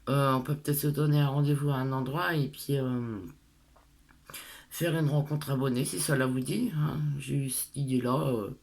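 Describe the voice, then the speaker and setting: A woman's voice: rumbling low, steady tone, normal speed, gravelly, a little mellow. Middle-aged woman with a lisp, chatting casually. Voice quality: lisp on s sounds. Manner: hesitant, rambling, self-deprecating. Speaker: craft tutorial vlogger. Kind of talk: casual chat to followers.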